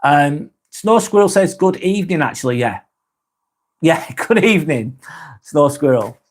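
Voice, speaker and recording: A slightly slow, expressive voice on the high side comes from an English live vlog host. He chats casually with his viewers as he reads their messages, often correcting himself and quick to laugh.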